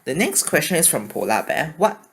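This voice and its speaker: A man's voice: fairly high pitch, very animated, creaky, a bit bright, a little hiss or hum. A man from China with a mixed Chinese and Singaporean accent, answering viewer questions in a casual vlog, hesitant and apologetic, recorded on a phone. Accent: mixed Chinese and Singaporean English. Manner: hesitant, halting, often apologetic.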